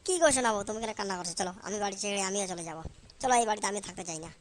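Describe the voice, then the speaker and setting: A woman's voice: medium pitch, racing, heavy background noise, natural voice. A woman voicing a cheeky young newlywed son in a comic cartoon, brash and taunting toward his father. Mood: defiant.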